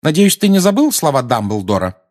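A man's voice: fairly high pitch, very animated, fairly quick, voice pushed up. A man reading an audiobook aloud and voicing a stern, protective middle-aged witch who scolds insistently. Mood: scolding. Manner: scolding, insistent, rising to shouts.

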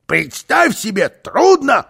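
A man's voice: extremely high pitch, huge pitch swings, slow, gravelly, a bit bright, breathy edge, pitched above the performer's own voice, heavily acted. A man voicing a cocky, mischievous little man who teases with smug triumph.

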